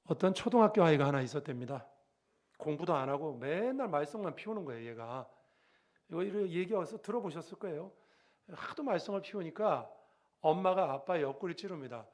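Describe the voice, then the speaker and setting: High-voiced pastor preaching with lively stories. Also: male voice. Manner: lively storytelling, acting out quoted voices; asks the congregation questions directly. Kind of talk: sermon.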